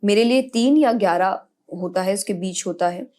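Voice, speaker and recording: A young adult woman, a spiritual speaker, calmly and earnestly answering questions in a podcast interview, often restarting her sentences. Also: medium pitch, normal speed. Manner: calm, earnest explaining with frequent restarts.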